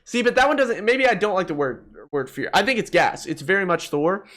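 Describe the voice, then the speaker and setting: Very animated and a little fast, this man's high, slightly bright voice carries blunt, slangy ranking commentary for a gaming video he hosts. He addresses viewers as bro, with music in the background.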